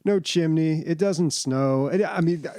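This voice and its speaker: A man co-hosting a casual podcast, dropping dry, laid-back comments. He talks at an unhurried, slow pace. The sound is dry and close. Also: a little high, dark tone, no echo. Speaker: podcast co-host.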